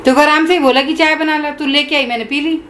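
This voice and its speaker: A woman's voice: high voice, steady tone, quick pace, a bit bright, a little hiss or hum. A woman playing a stubborn, defensive mother-in-law who argues and talks over others in a family drama skit.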